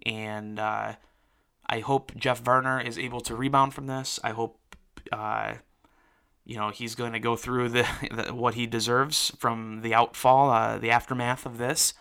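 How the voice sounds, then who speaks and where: A man's voice: medium pitch, flat delivery, unhurried, gravelly, pushed and bright, smooth. A man hosting an interview show, talking earnestly about forgiveness with lots of fillers before introducing his guest. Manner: earnest, filler-heavy with restarts. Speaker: podcast host and interviewer. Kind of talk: casual spoken commentary then interview.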